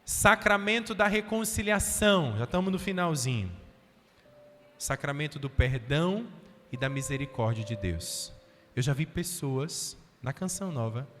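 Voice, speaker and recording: A man's voice: medium pitch, a bit bright. A male priest, preaching a sermon at a healing retreat, telling stories and asking the crowd questions. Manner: storytelling, acts out voices, asks the crowd questions. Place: auditorium. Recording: reverberant auditorium, faint music behind.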